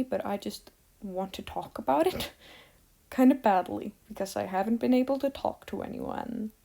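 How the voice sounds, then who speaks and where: A teenage girl from Iceland ranting to the camera in a slow, unhurried way. Her voice is soft and mellow, and she rambles with fillers and dry sarcasm. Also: a little high. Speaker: vlogger. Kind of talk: casual rant to camera.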